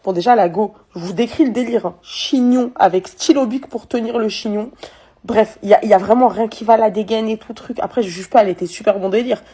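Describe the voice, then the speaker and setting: Fast-talking husky young woman storyteller. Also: medium pitch. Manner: animated gossipy storytelling, addresses the viewers directly. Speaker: influencer telling a story. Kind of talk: storytime vlog.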